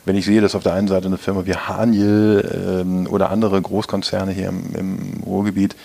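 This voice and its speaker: Man, 50s, from East Westphalia, very low gravelly voice; measured, hesitant interview guest. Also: little pitch movement, warm tone. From East Westphalia, Germany. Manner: hesitant, many filler sounds, measured. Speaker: interview guest, business executive. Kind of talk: casual interview talk.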